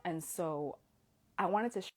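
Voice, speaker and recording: A woman in her thirties hosts an Instagram Live, speaking at a measured pace in a fairly low voice. The casual talk is emotional: she's earnest and heartfelt, sometimes dropping to a whisper as she holds back tears.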